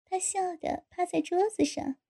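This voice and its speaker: A woman narrating an audiobook in a steady storytelling delivery. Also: very high-pitched, unhurried, gravelly.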